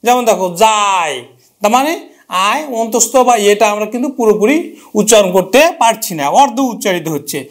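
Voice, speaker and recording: High-pitched male grammar teacher. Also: expressive, brisk. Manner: repeats key terms, asks and answers his own questions. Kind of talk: grammar lesson.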